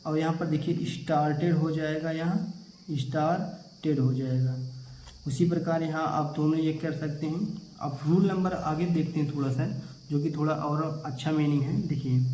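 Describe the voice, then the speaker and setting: A man's voice: fairly high pitch, dark tone. A man teaching English pronunciation to children, who keeps asking the class questions and answering them himself. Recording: echoey room with crickets chirping.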